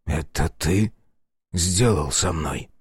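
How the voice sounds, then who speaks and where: A man voicing a glum young male samurai who has lost his memory, mumbling in a low voice in an audiobook. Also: fairly even intonation, slow pace, dry recording, studio quality. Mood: wary. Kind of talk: audiobook character voice.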